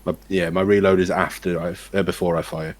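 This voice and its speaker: Very deep, flat-voiced man. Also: fairly quick. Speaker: player. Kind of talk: casual tabletop game chat.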